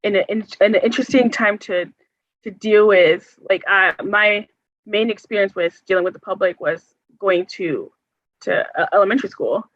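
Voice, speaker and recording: A young American health care organizer, appearing as a forum guest speaker, answers questions earnestly but with many hesitations and filler words. Her mid-range voice moves at normal speed with no room sound, and the recording is dull and muffled.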